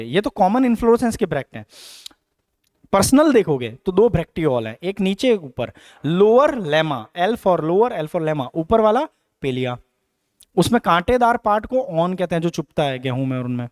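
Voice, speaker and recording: A man's voice: sits high, big pitch swings, normal speed, a little mellow, dry recording, studio quality. A middle-aged man giving a biology coaching lecture, asking questions and repeating terms to drill them in. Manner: explains with questions and repetitions, Hinglish mix. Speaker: biology teacher.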